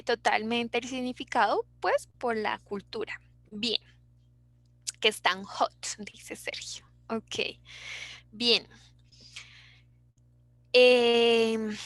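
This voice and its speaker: Young Bogotá teacher, high and close. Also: female voice, fairly bright tone, no echo. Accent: Bogotá Colombian Spanish. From Bogotá, Colombia. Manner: chatty, reads out student chat answers. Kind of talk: online class lecture.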